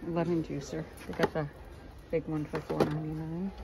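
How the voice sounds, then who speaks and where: A woman's voice: sits low, flat delivery, normal speed, gravelly. A woman chatting casually as she walks through a large store, filming on her phone and pointing out prices. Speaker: vlogger. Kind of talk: casual shopping vlog narration. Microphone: phone camera held while walking. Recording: noisy store background.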